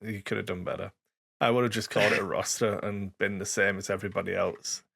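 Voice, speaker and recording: A man's voice: on the low side, fairly even intonation, quick pace, gravelly, fairly bright tone, breathy edge. A man co-hosting a casual hobby podcast, talking in a dry, sarcastic way that stops and starts with fillers. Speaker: podcast co-host.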